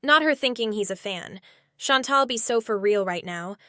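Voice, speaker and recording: A woman's voice: a little high, animated, moderate pace, a bit bright, clear, resonant tone, no room sound, studio quality. A woman hosting a commentary channel, snarky and blunt in her remarks. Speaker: commentary host. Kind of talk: sarcastic commentary.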